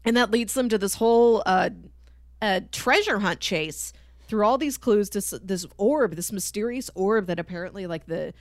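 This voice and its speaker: Chatting casually about a TV show, this woman co-hosts a podcast and performs imagined lines to illustrate her points. She speaks in a mid-range voice at a moderate pace, recorded at studio quality with no room sound.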